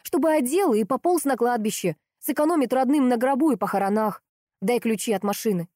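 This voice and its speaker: Storybook part: a woman playing a sharp, scornful young woman, loud and biting, dry close sound. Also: fairly high pitch, lively intonation, moderate pace, dry recording, pitched above the performer's own voice. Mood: angry, scornful. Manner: loud, snapping and sarcastic. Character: sharp, angry young woman, fiery and blunt.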